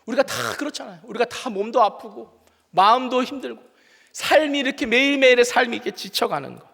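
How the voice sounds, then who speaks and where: A man preaching a sermon as a pastor, telling stories earnestly, sometimes exclaiming loudly and sometimes quietly confessing. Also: very high voice, animated, fairly quick, creaky. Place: church sanctuary. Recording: long reverb of a church hall.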